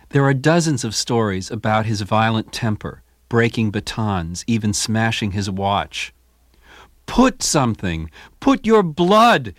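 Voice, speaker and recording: A man reading a scripted radio review as a classical music critic, with measured storytelling. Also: fairly low pitch, no room sound, clean studio sound. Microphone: studio microphone.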